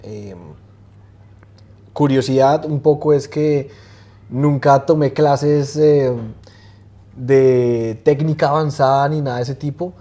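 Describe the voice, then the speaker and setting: A man in his twenties, a guest talking casually in an interview and often pausing with fillers and restarts. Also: mid-range voice. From Colombia. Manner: relaxed, hesitant, many fillers and restarts. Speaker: guest swimmer.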